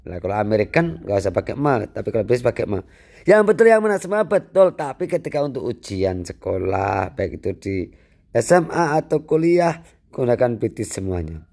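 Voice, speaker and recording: Man, English teacher, animated, rhetorical questions, repeats key points. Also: mid-range voice, fairly quick, gravelly. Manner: animated, asks and answers his own questions; repeats key phrases for emphasis. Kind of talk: free online English lesson.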